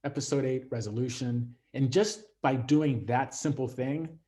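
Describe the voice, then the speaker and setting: A man's voice: mid-range voice, unhurried, mellow. A man teaching a masterclass on series writing, talking conversationally with many fillers and restarts. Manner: acts out quoted voices. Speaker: instructor.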